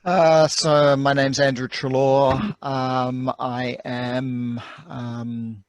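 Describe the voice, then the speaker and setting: A man introducing himself in an online meeting, measured with hesitant fillers and dry humor. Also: mid-range voice, little pitch movement, no room sound. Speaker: research infrastructure manager. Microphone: video call.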